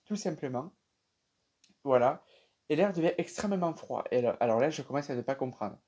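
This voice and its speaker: A young man with a French accent casually telling viewers about a dream, animated and chatty with many fillers. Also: fairly high pitch, normal speed. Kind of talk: casual storytelling to camera.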